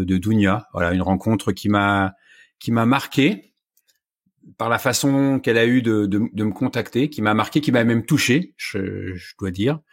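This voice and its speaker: A man in his sixties, a running coach and podcast guest, speaking earnestly and repeating words as he searches for them. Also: fairly low pitch. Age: 60s. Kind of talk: podcast interview.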